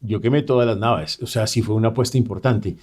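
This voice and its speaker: Guy, middle-aged, kinda low warm voice, calm and earnest, radio studio interview. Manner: measured, earnest, explaining at length. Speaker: vice president-elect, guest.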